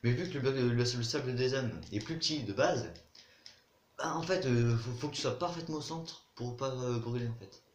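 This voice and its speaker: A relaxed man of middle pitch chatting his way through a video game, pausing to explain how things work. He sounds a bit roomy, with faint mouse clicks behind him. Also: a little hiss or hum. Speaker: gaming YouTuber. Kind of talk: casual gameplay commentary.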